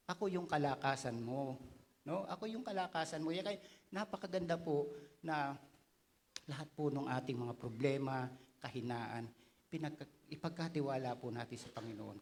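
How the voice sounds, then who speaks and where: A man with a Filipino accent preaching to his congregation, his voice sitting a little high. He keeps asking his listeners questions and acts out their excuses in an earnest tone. The sound rings with the long reverb of a church hall. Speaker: pastor. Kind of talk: sermon.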